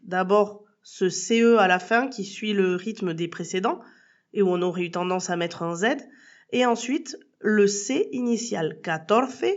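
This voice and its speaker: A Spanish teacher with a medium-pitched voice, recorded with a muffled sound, runs a podcast language lesson. She patiently spells words letter by letter and talks straight to the listener, using the informal tu.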